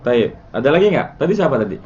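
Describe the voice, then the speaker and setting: A relaxed male teacher talks his students through a grammar lesson. He quizzes them and chants word patterns. The recording sounds dull and lo-fi. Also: mid-range voice, fast talker, a little hiss or hum. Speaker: Arabic morphology teacher. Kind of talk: casual classroom lesson.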